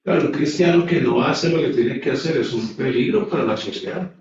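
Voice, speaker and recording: A man's voice: mid-range voice, a little fast, a little mellow, slight background noise. A man teaching a Bible class in a sermon-like way, stressing his points and putting rhetorical questions to his listeners. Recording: echoey, dull sound from a distant mic.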